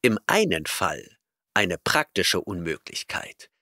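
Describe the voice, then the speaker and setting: A man's voice: low voice, sing-song, slow pace, bright, forceful tone, dry recording, clean studio sound, full character voice. A man reading an audiobook voices an arrogant, eccentric male professor who lectures impatiently and snorts at his listener. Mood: lecturing.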